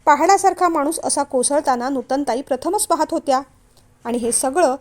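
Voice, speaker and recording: A woman narrating a family novel as a storyteller, in a steady, measured reading. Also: high voice.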